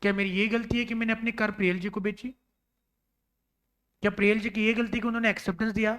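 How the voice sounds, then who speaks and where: A man's voice: sits high, level tone, fast talker, a bit bright. A man teaching a law lecture in a classroom, acting out little scenes and talking with students, mixing in English terms.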